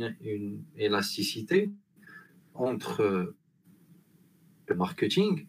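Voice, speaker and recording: A man's voice: medium pitch, fairly bright tone, slight background noise, low-quality recording. A man with a Moroccan accent hosting a panel discussion, asking roundabout questions that he rephrases, with French terms mixed in. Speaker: discussion host.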